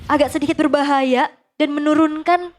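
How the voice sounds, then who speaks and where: A woman giving animated live commentary on an esports match as one of the casters. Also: sits high, normal speed.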